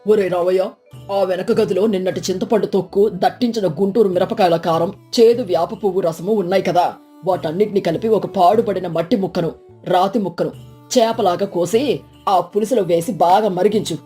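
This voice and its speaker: A woman's voice: fairly low pitch, moderate pace, dark tone, soft background music, pitched below the performer's own voice, lightly acted. A woman voicing a stern, grave male village elder in a storybook tale. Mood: plotting. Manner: solemn, scheming.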